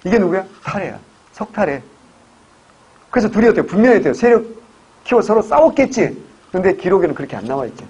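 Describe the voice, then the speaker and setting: A man lectures on history for exam prep in a slightly husky, rather high voice. He spins joking stories and keeps quizzing his students with rhetorical questions. The recording sounds dull and lo-fi. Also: darkish tone.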